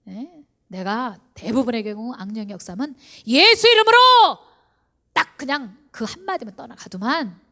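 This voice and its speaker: A woman pastor preaching an animated sermon. She fires rhetorical questions at the congregation and urges them on. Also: fairly high pitch, moderate pace. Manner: animated, acts out believers' inner voices.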